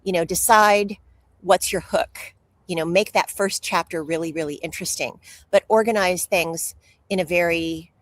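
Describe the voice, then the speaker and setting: Speaking at a moderate pace, an interview guest with a slightly low-pitched female voice tells her personal stories with candor, an open oversharer much like a writer eager to reveal it all. The audio is poor, with no room sound.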